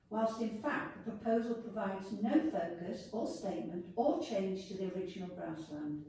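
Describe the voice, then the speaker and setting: A woman's voice: medium pitch, mellow. A woman speaking with braces on her teeth, reading a formal prepared statement to a committee as a member of the public. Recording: echoey room, distant mic, faint noise.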